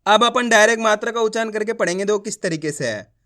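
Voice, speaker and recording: A man teaches a reading lesson. He sounds out each letter slowly and keeps asking if learners follow along. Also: high voice, pushed and bright. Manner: slow syllable-by-syllable drilling, asks learners to repeat along; often asks whether it is clear. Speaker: Hindi teacher.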